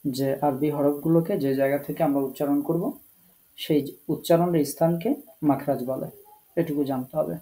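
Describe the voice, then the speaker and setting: A man with a Bangladeshi Bengali accent teaches an online Quran recitation class, explaining earnestly with pauses and mixing in English words. His voice runs on the high side with a warm tone, though the recording is rough.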